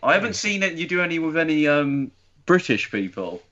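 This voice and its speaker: A man hosting a podcast, chatting in a relaxed way full of fillers. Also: a little high, a little fast, dull audio. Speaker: podcast host. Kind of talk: casual chat.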